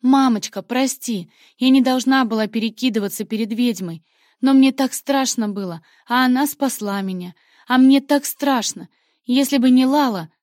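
A woman's voice: on the high side, moderate pace, a little mellow, no room sound, close to an everyday voice. A woman voicing a frightened little girl who babbles tearfully in a breathless rush, recorded close and dry. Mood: frightened pleading. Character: frightened little shape-shifting girl, clinging.

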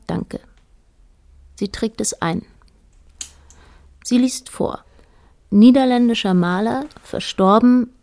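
In a radio drama, an actress voices a detached, observant narrator. Her mid-range, darkish female voice stays measured and matter-of-fact.

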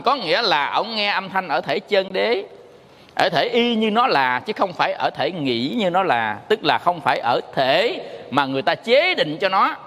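A man's voice: sits high, sharp tone. A Buddhist monk teacher giving a dharma talk, telling stories and playfully singing the tone syllables to make his point. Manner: storytelling, sings tone syllables playfully. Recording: long hall reverb.

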